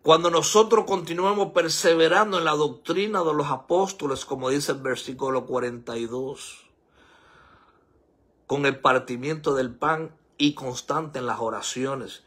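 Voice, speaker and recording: An older man preaching a sermon as pastor, exhorting and rising to high, emphatic peaks. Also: a little slow, fairly bright tone, breathy edge. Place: church sanctuary.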